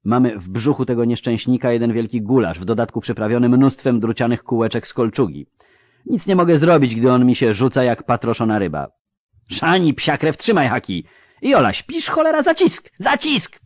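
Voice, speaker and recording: A man voicing a gruff male field surgeon who barks urgent, raised orders mid-operation. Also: mid-range voice, animated, fairly quick, darkish tone, dry recording, studio quality, voice pushed up, lightly acted.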